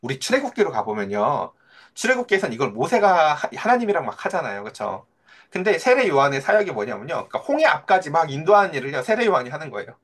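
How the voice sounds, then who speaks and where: Animated quick-talking male pastor. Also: on the high side. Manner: animated, acts out quoted voices of children and Jesus; conversational, asks the listeners questions. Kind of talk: sermon.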